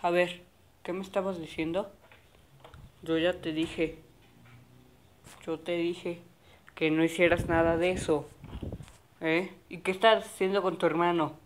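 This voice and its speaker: A woman voicing a stern father in a homemade cartoon, firing off quick, clipped questions. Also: fairly low pitch, little pitch movement, a little hiss or hum, voice pushed down, close to an everyday voice.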